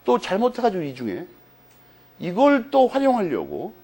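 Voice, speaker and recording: A man's voice: high voice, moderate pace. A man giving a law lecture as a story, acting out the dialogue and tagging sentences with "eh?". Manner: animated storytelling, acts out dialogue, frequent "eh?" tags.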